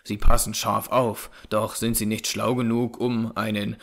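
A man reading aloud, voicing a grim, determined young frontier hunter in a low, hushed, firm tone. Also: little pitch movement, a little slow, gravelly. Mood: urgent. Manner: urgent, clipped and firm. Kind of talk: audiobook character reading.

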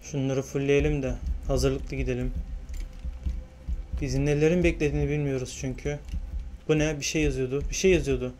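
A man's voice: mid-range voice, fairly even intonation, normal speed, pauses often, darkish tone, a little hiss or hum. Exasperated young man narrating his gameplay. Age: young adult. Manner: grumbling, exasperated, swears he's bursting with curiosity. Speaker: gaming channel host. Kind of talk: let's-play commentary.

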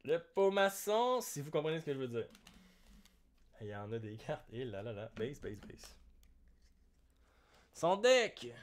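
A young man with a Québécois French accent, hosting a live card-break stream and joking with viewers in a slangy, excitable way. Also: mid-range voice, unhurried, long pauses. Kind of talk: live card-opening commentary.

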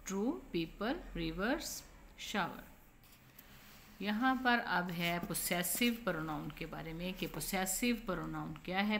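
A woman teacher going through a textbook lesson, repeating each point patiently and reading the English examples slowly. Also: lowish voice, fairly bright tone, a little hiss or hum.

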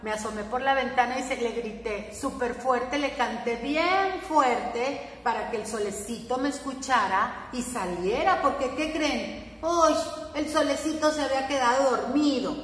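A woman with a Mexican accent teaching preschoolers, singing and talking to them in an animated sing-song way. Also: high-pitched, measured pace. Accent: Mexican Spanish. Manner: animated sing-song, speaking to small children. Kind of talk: singing lesson for young children. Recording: echoey room, long reverb, faint ambience.

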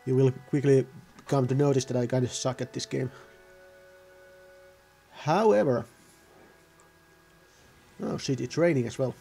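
A man's voice: mid-range voice, a little slow, vocal fry, pauses often, warm tone, breathy edge, soft background music. A man giving casual, rambling gameplay commentary, often correcting himself mid-sentence. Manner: rambling, self-correcting, offhand. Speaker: gaming video host.

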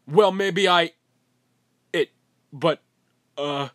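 A man's voice: a little high, extremely slow, a bit bright, a little hiss or hum. A man playing a short-tempered cartoon everyman, sardonic and long-suffering. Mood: exasperated.

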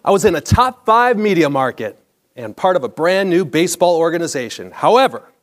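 On a theatre stage before a live audience, a middle-aged American man from the Chicago area reads a scripted personal story with a practised broadcaster's delivery. His voice is on the high side, sing-song and brisk, and is picked up by a clip-on lapel mic.

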